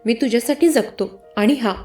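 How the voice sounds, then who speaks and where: A man's voice: very high voice, moderate pace, soft background music. A woman voicing an unhinged obsessed old man. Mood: obsessive. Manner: possessive, yelling. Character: obsessed older man, stalker, unhinged and shouting.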